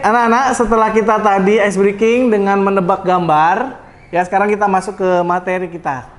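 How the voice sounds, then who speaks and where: A man teaching a class of pupils, calling himself Bapak and joking with them in a classroom. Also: high voice. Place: school classroom.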